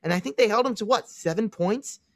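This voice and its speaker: A man's voice: high voice, lively intonation, brisk, a bit bright, no echo. A man with a Chicago accent co-hosting a casual sports podcast, confidently analyzing teams and making predictions. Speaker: podcast co-host.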